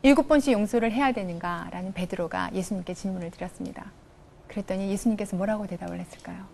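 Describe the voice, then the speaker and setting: A woman's voice: medium pitch, quick pace, vocal fry, dark tone, slight background noise. A middle-aged woman professor giving a televised coaching lecture in a studio, acting out little dialogues in changing voices. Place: studio with a live audience.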